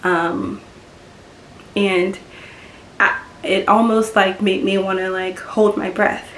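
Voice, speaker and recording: Slow-talking woman vlogger in an echoey room. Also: medium pitch, flat delivery, fairly bright tone. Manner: halting, lots of fillers and restarts, emotional at times. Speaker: beauty vlogger. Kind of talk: personal story time. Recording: echoey room with faint background noise.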